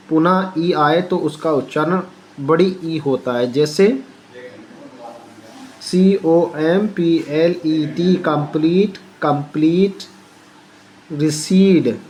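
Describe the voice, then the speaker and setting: A man's voice: on the high side, slight background noise. A male teacher giving a spoken pronunciation lesson, spelling words out letter by letter and asking the viewer to repeat each answer.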